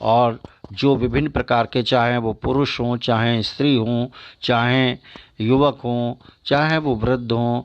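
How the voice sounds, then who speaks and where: Male schoolteacher explaining grammar, patient and deliberate, lists examples one by one; dull, muffled recording. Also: medium pitch, steady tone. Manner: slow, deliberate listing of example words; repeats "है ना" to check understanding. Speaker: teacher. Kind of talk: grammar lesson.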